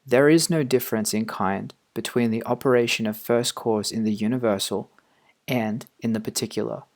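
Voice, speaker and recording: Man quietly reading aloud, measured. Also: medium pitch. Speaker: audiobook reader. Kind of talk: quiet scripted reading of a philosophy text.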